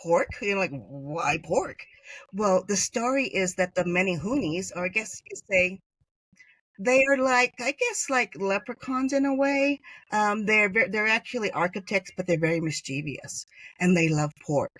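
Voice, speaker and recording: A woman's voice: medium pitch, animated, moderate pace, fairly bright tone, no room sound. Chatty woman from Hawaii, dry sound. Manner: chatty, many fillers, laughs while telling stories. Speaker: guest. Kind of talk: conversational storytelling interview.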